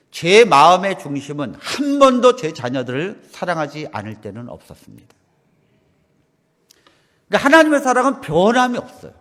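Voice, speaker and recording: A middle-aged man preaches in a small church, and his voice rises and falls in a lively, wide sweep. He drops to soft asides, then builds to loud, emphatic lines. A long reverb trails after every phrase. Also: fairly high pitch. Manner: swings between soft asides and loud emphatic preaching, acting out quoted dialogue. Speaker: pastor. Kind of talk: sermon.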